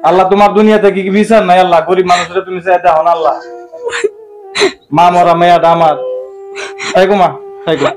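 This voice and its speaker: A man's voice: high-pitched, flat delivery, fast talker, long pauses, lightly acted. A man playing a poor widowed laborer father who laments his hardship aloud. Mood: lamenting. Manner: lamenting, pleading to God. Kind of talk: amateur village drama acting.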